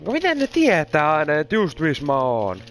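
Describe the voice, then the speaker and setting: A man's voice: fairly high pitch, wildly swooping pitch, fairly bright tone, soft background music. A man commenting on his gameplay, frustrated and swearing constantly, mixing in English words. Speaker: gamer.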